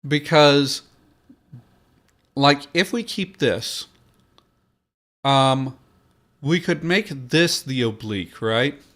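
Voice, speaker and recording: Slow, hesitant man thinking aloud. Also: mid-range voice, fairly bright tone. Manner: slow, hesitant, many fillers and restarts. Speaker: podcast host. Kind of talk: thinking aloud while building a language.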